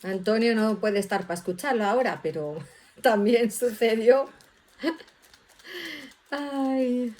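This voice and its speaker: A woman leading a casual Bible study, lively and acting out the voices in the verses she reads. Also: a little high, slow, pauses often. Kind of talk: casual scripture teaching.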